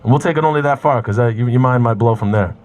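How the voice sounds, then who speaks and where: A man speaking at an outdoor rally, guiding the crowd through a reflection and shouting chants for them to repeat. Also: medium pitch, fast, dull audio. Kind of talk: rally call-and-response. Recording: crowd and street noise outdoors.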